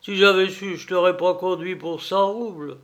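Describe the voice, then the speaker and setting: A man voicing a terrified peasant coachman in a storybook reading, crying out in shrill panic. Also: steady tone, normal speed, a bit bright. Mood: shaken. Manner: shrill, wailing cries.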